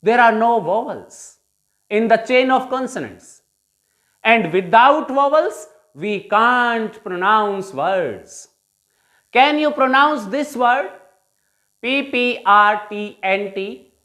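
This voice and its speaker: A woman's voice: on the high side, expressive, extremely slow, a bit bright. A woman English teacher from India with an Indian English accent, giving a bilingual phonetics lecture and repeating questions to the viewers.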